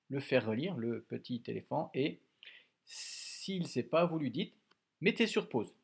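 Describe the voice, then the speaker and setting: A man teaching young children a dictation lesson at home, slowly and patiently spelling out syllables and sounds. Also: mid-range voice, slightly rough. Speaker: primary school teacher.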